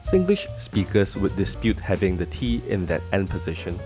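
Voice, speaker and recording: A man with a Singaporean accent hosting a scripted explainer in a wry, articulate, measured way. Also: low voice, sing-song. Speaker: host and presenter. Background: music under the voice.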